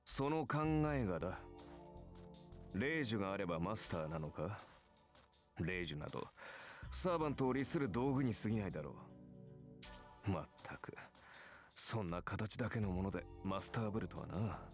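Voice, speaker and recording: A proud, condescending warrior servant in an anime-style game. He lectures in a lowish, fast voice that swings widely in pitch, and faint game music plays behind him. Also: animated.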